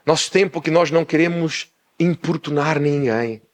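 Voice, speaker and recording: A man preaching a sermon as pastor, loud by habit and animated, acting out small dialogues as he explains. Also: on the high side, moderate pace. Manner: animated, acts out little dialogues; speaks loudly by habit. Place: church in Portugal.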